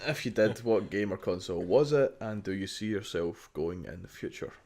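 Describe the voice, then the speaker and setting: A man's voice: fairly low pitch, animated, normal speed, darkish tone. A man with a thick Scottish accent, co-hosting a casual gaming podcast with blunt, sweary banter. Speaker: podcast co-host.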